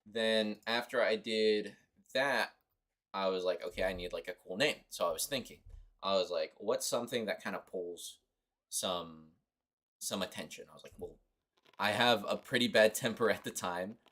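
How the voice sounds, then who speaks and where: A man's voice: lowish voice, normal speed, fairly bright tone. A young man from Costa Rica streaming a mobile game, chatting offhand and rambling to his viewers. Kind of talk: casual livestream commentary.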